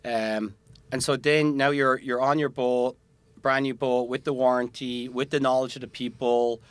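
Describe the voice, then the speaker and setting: A man's voice: medium pitch, little pitch movement, moderate pace, clear, resonant tone, dry recording. A man, a boat owner, chatting casually on a podcast, rambling with many fillers and restarts.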